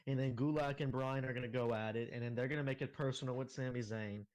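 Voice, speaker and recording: A man's voice: mid-range voice, fairly even intonation, quick pace, a little mellow, low-quality recording. A man co-hosting a casual wrestling podcast, chiming in with short agreements and laying out his predictions. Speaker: podcast co-host. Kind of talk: casual wrestling review chat.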